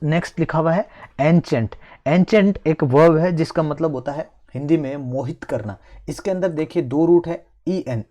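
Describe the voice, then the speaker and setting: A man with an Indian English accent teaching English vocabulary in an online lesson. He explains word roots step by step in Hindi mixed with English and fills pauses with "theek hai". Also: a little high, warm tone.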